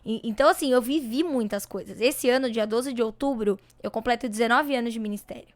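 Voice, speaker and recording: High-voiced young Brazilian woman. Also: quick pace, dry recording. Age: 20s. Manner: animated, preachy storytelling with dramatic emphasis. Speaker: podcast guest, singer and missionary. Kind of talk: casual podcast chat.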